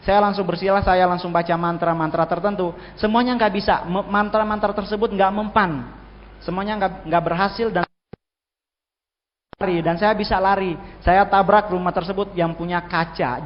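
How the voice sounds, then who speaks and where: A man, speaking in a high voice and telling his testimony with restarts and sudden emphasis. His voice rings through a large hall with a long reverb. The recording sounds dull and muffled. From Manado, Indonesia. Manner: vivid storytelling, frequent restarts, bursts of emphasis. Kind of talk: preached personal testimony.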